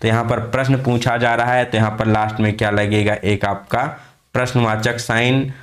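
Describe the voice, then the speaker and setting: Leading an exam-prep class, this man speaks with little pitch movement in a lowish voice. He poses questions and answers them himself, spells words letter by letter, and reads English phrases at a slow pace.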